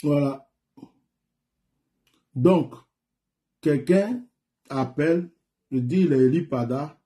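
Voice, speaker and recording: A pastor from Côte d'Ivoire talks live to his viewers and callers, animated and given to repeating himself. His voice sits a bit high for a man but has a warm, mellow tone. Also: slow pace. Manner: animated and repetitive, laughs often. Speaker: pastor hosting a live show. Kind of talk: live-stream talk with callers.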